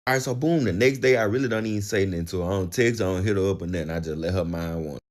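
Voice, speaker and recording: Fast-talking young man telling a story. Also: low voice. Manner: profane, slangy, animated. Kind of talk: casual storytime monologue.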